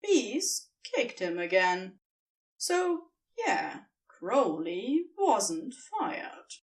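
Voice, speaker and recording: A female audiobook narrator reads fiction very slowly and expressively, using dramatic, emphatic pauses. Her voice is medium-pitched, and she sounds slightly distant from the mic.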